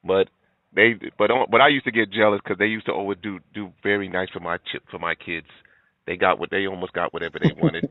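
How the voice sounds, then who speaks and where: A man's voice: deep voice, steady tone, a little fast, no echo. A middle-aged man giving blunt, preachy reaction commentary, lecturing his listeners. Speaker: commentary video host. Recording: tinny, phone-like, dry sound.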